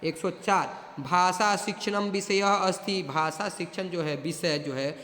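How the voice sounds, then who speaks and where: A man teaching an exam prep lesson. He reads Sanskrit questions slowly, then explains them in quick Hindi and keeps reminding students to pay attention and remember. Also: high-pitched, fairly bright tone. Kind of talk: exam coaching lecture. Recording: echoey room with long reverb.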